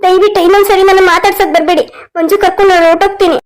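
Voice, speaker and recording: Crying young wife in a cartoon, lady doing her, fast and squeaky. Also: steady tone. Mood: tearful. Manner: sobbing complaints. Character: tearful young wife, hurt and pleading. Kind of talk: cartoon story voice acting.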